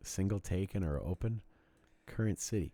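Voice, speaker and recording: A man's voice: sits low, moderate pace. A man co-hosting a casual podcast, rambling and profane as he tells stories and clicks through things. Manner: profane, rambling, animated storytelling. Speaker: podcast co-host. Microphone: desk mic with cameras.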